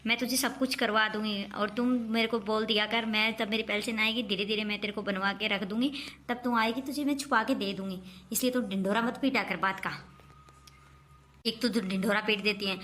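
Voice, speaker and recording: A woman playing a fussy, scolding mother-in-law who favors her daughter, in a home-made comic family skit, talking in a quick nagging manner. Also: mid-range voice, pushed and bright, close to an everyday voice.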